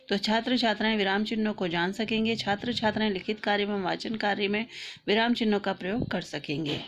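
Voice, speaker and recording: A woman in a teaching role dictates a lesson plan, one point after another. Her voice sits at an everyday pitch, and she keeps a steady, methodical pace. Faint background noise runs under the recording. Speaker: teacher trainer.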